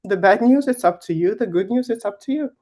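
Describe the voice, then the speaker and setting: Here the same young Kazakh finance executive sounds animated, with a mid-range, dark-toned voice and a slightly quick pace. As a guest being interviewed, she is frank and emphatic and laughs frequently.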